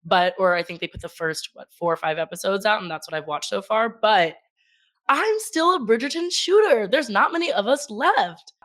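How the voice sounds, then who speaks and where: A woman co-hosting a podcast in casual chat, gushing and animated, laughing often. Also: medium pitch, normal speed. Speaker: podcast co-host.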